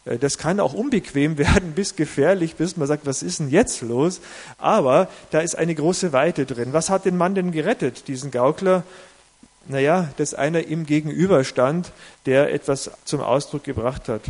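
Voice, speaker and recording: A man's voice: fairly high pitch, normal speed, darkish tone. A man preaching a sermon in a conversational, reflective way, with self-corrections, who reads a story aloud.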